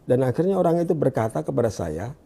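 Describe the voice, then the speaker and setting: A man from Indonesia telling his story in an interview, often pausing and restarting as he searches for words, and dropping to a hushed voice when he quotes. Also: big pitch swings, gravelly, slightly rough. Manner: drops to a hushed low voice when quoting. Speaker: guest giving a testimony. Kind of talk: conversational interview.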